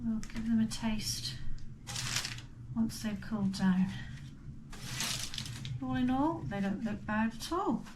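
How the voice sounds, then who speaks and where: A woman with a slightly high voice talks at a slow, unhurried pace. She chats casually to viewers as in a home baking vlog, describing each step as she goes. There is clear background noise from the room. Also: lively intonation. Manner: chatty, unhurried step-by-step commentary.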